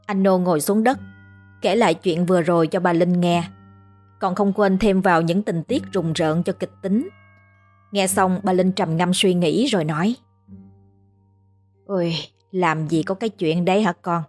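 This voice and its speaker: A woman's voice: on the low side, moderate pace, a little mellow, faint music behind. Woman narrating a ghost story.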